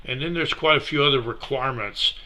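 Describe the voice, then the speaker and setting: Guy presenting slides, bright tone, laid back, mid pitch, lots of ums. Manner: relaxed, unhurried, many fillers.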